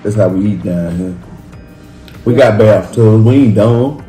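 A man with a Mississippi accent jokes in a laid-back way while eating on camera with his wife. His voice is mid-pitched. The room is roomy and echoey, with clear music underneath. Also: measured pace, mellow. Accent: Mississippi, Southern US. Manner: joking, laid-back banter. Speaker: co-host, husband. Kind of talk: casual mukbang chat.

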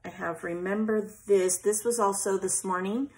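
Medium-pitched with a darkish tone and fairly even intonation, a woman speaks at a moderate pace while hosting her scrapbooking channel. She chats and thinks out loud as she arranges pieces at a home craft table, an overhead camera showing her hands.

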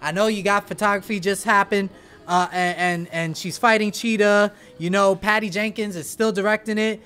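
Animated, chatty male entertainment host. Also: sits high. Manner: animated, chatty, playful asides. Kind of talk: energetic entertainment news chat.

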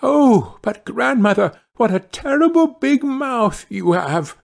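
A man's voice: high voice, big pitch swings, measured pace, gravelly, husky, pitched above the performer's own voice, full character voice. A man voicing an innocent, polite little girl in a fairy tale, with a sweet, earnest, wondering delivery. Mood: astonished.

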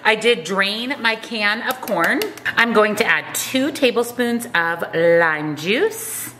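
Bright-voiced woman in her home kitchen. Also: mid-range voice, lively intonation, slow pace, slight background noise. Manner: upbeat, chatty. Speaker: food vlogger. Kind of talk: cooking walkthrough.

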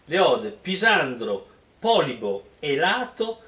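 Lively, mocking man reading aloud. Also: a little high, takes it slowly, far from the mic. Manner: animated, mocking, breaks into laughter. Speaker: reader and comic commentator. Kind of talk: mock-dramatic reading with joking asides. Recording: roomy, off-mic sound.

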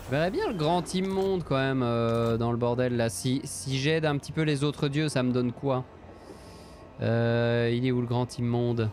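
A man's voice: mid-range voice, a little slow, a little mellow, slight background noise. Chatty streamer man. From Belgium. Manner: chatty, thinking aloud, thanking viewers. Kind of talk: casual live game commentary.

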